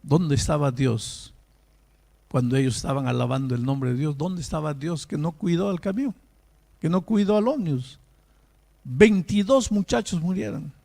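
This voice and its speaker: A man's voice: fairly high pitch, expressive, normal speed, creaky, dark tone. A male pastor preaching in a dramatic storytelling manner, acting out the voices in his story and building to emotional peaks. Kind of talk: sermon storytelling.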